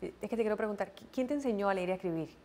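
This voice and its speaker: A woman interviewer asking quick, probing questions. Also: mid-range voice, mellow, slight background noise.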